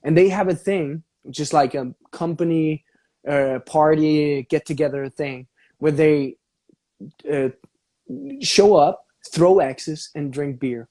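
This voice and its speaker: A man's voice: on the high side, slow, mellow. A man, chatting and joking casually with a friend on a live stream. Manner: playful, rambling, often laughing. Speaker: actor co-hosting a live stream.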